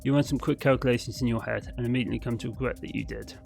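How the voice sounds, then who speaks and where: Reading scripted prose from a visual novel, a medium-pitched man narrates very fast in a steady tone with some vocal fry. His delivery is dramatic, occasionally tripping on a word, while soft music plays faintly underneath.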